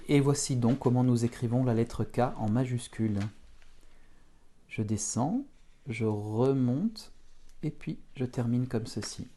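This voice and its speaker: A man teaching beginners to write letters, talking them slowly through each stroke. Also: mid-range voice, warm tone. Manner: slow, step-by-step instruction. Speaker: Russian teacher. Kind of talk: handwriting lesson for beginners.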